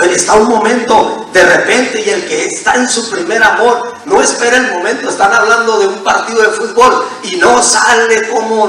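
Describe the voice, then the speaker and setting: A man's voice: high-pitched, bright, forceful tone. A man preaching a sermon as pastor, emphatic and calling on the congregation to answer back. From Mexico. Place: church sanctuary. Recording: echoey church hall from far off.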